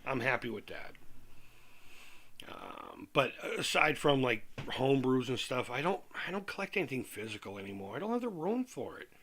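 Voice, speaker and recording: Male streamer, forceful bright tone, toothless lips-over-teeth speech, casual, candid, repetitive chat. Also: medium pitch, sing-song, moderate pace. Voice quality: speaks over missing top teeth, slightly lisped, lips-over-teeth diction. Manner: rambling, candid, repeats himself. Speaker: livestream host.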